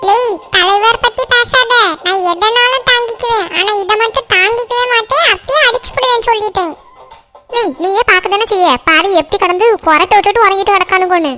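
Woman doing a shrill bossy cartoon village kid. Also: brisk. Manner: scolding, rowdy. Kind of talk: cartoon dialogue. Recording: soft music underneath.

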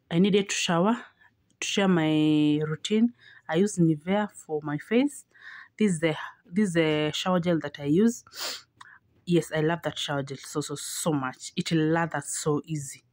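A woman's voice: lowish voice, mellow, no echo. A woman in her thirties, from Kenya, narrating her weekly home vlog in a chatty way and often repeating words for emphasis. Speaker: vlogger. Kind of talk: casual vlog voice-over. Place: home kitchen, indoors.

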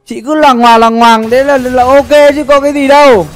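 A man's voice: extremely high pitch, steady tone, moderate pace, soft background music. A young man chatting casually on a gaming livestream, slangy and sweary, often repeating his phrases. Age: young adult. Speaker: livestream gamer. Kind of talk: casual livestream chat with game commentary. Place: indoor streaming setup.

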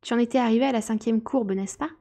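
A woman's voice: a little high, fast, dark tone. A woman voicing a polite, eager young girl in a storybook reading, earnest and apologetic.

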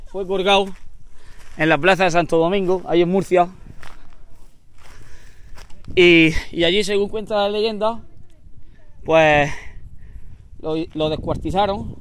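Bright-voiced Spanish man rambling outdoors. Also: sits high, clean tone. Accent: Spanish from Spain. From Spain. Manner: rambling, joking, full of fillers. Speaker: mountain biker telling a local legend. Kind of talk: casual storytelling. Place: outdoors in the hills.

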